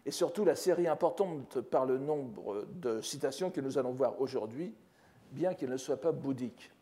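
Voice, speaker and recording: Older male professor, mellow measured lecture. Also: medium pitch, expressive. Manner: measured, scholarly, with frequent restarts and "n'est-ce pas". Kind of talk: academic lecture. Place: lecture hall.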